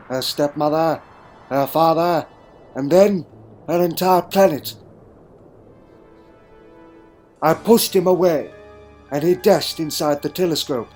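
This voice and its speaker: A man's voice: on the high side, darkish tone, lightly acted. A man playing an eccentric, wry Time Lord adventurer, delivering a theatrical, brooding monologue in a fan audio drama. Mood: grave, regretful, then urgent, excited. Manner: theatrical, brooding, with dramatic pauses and sudden exclamations.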